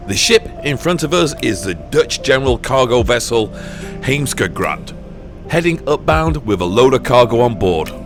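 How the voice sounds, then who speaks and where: A man narrating a scripted voice-over in a smooth, even, informative way. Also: medium pitch, normal speed, music in the background.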